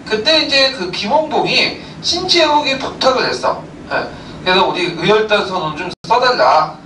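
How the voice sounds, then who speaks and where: A man's voice: high voice, pushed and bright. A man teaching a history lecture, explaining with rhetorical questions and many filler sounds. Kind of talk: recorded lecture. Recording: roomy, distant mic, faint background noise.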